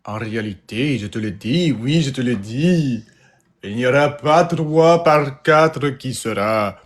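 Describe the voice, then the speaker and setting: A man putting on a mock Russian accent, speaking slowly and solemnly. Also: medium pitch, animated, a little mellow, natural voice.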